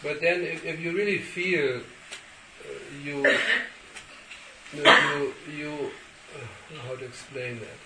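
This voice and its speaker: An older man, a spiritual teacher, answers questions in short phrases, pausing for an interpreter. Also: fairly high pitch. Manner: measured, pauses for translation. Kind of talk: sermon Q&A with interpreter. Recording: echoey hall, distant mic, background noise.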